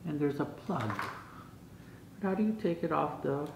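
Slightly high in pitch and talking at normal speed, a vlogger in his sixties chats through an unboxing, thinking aloud, making puzzled remarks and reading out bits. He's indoors in his home dining room. The camera across the table gives clear sound with an echoey room.

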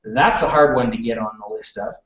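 A man's voice: medium pitch, big pitch swings, fairly quick, fairly bright tone. A man from western Canada leading a live classroom presentation in front of an audience. He talks in a chatty way and keeps checking in with "okay?". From British Columbia, Canada. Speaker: workshop presenter. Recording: roomy, distant, dull room recording.

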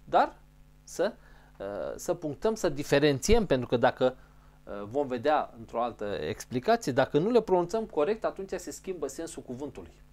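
A man's voice: on the high side, big pitch swings, a little mellow. A man teaching a pronunciation lesson, patiently repeating each sound and carefully explaining how it is formed. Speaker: language teacher.

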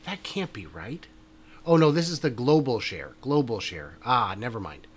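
A man's voice: medium pitch, expressive, normal speed, breathy edge. A man co-hosting a casual news chat show, joking around and thinking aloud. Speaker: podcast co-host.

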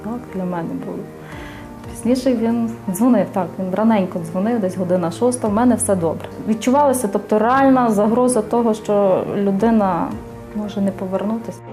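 A woman's voice: mid-range voice, fairly quick, dark tone, soft background music. A woman recalling personal experience in an interview. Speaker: interviewee, border guard's relative.

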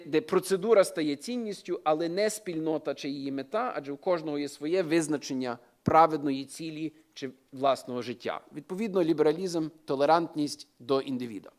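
A man from Ukraine delivers an expert talk in a lecture style, his voice sitting a touch higher than most men's. He thinks aloud as he goes, pausing on fillers and restarting his phrases. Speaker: economic sociologist giving an expert talk.

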